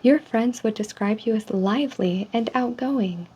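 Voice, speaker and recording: A woman speaking softly in an ASMR role-play, reading survey statements in a polite, measured customer service manner. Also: fairly high pitch, husky. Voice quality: soft, hushed. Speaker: ASMR role-player as call center agent giving a personality survey. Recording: dull lo-fi sound with faint noise.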